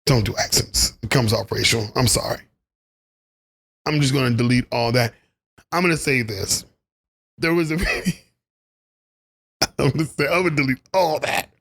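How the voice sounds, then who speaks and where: A man's voice: mid-range voice, normal speed, gravelly, pauses often, a bit bright, slightly rough. A man delivering a rambling, opinionated basketball commentary monologue, laughing at his own asides. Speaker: sports commentary vlogger.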